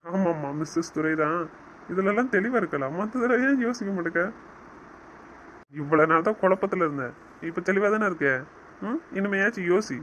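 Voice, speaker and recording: A man's voice: high voice, normal speed, pauses often, fairly bright tone, a little hiss or hum, low-quality recording. A man playing a young newlywed husband who teases his wife and lectures her sternly in a romantic audio drama. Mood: scolding. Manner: teasing, then stern and scolding. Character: young husband, teasing yet bossy with his new wife.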